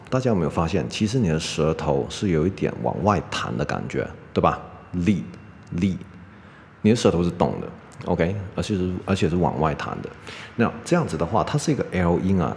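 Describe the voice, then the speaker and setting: A man, a native English speaker, teaching pronunciation in a casual spoken lesson, drilling sounds slowly and ending nearly every sentence with a checking "OK?". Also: very deep voice, a little mellow. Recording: echoey room with faint background noise.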